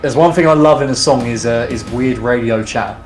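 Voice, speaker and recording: Faint music plays behind a medium-pitched man who talks briskly as one of the co-hosts reviewing songs on a podcast. He rambles, hesitates, and cracks jokes in a relaxed music reaction chat.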